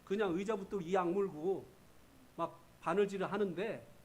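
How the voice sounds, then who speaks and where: A man's voice: high-pitched, moderate pace, a little hiss or hum. A man preaching a revival sermon in a church, telling stories with feeling and acting out quoted voices. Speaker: pastor.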